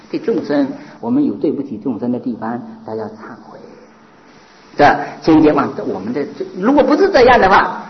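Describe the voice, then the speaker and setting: A man, a Buddhist monk, giving a sermon with rhetorical questions and lively mimicry of people he describes. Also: medium pitch, a little hiss or hum. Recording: dull lo-fi recording.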